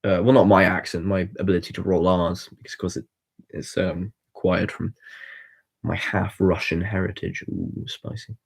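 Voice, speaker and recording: A man's voice: low-pitched, level tone, normal speed, vocal fry, slightly rough. A young man in his twenties hosting a casual livestream, rambling and chatty as he answers viewer comments with lots of ums and restarts. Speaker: livestream host.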